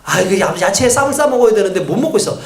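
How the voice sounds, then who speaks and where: A man's voice: sits high, very animated, rapid-fire, creaky, roomy sound, pitched below the performer's own voice, exaggerated voice. A man putting on the whiny, sighing voices of grumbling, hungry Israelites during a sermon.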